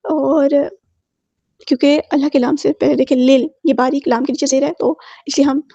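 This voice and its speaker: A woman with a high voice gives a word-by-word tajweed lesson. She chants each word in a long, slow recitation, then explains the rules in brisk, plain speech. The sound is close and dry, with a slightly dull tone. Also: fairly even intonation, dark tone, no echo. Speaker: Quran recitation teacher.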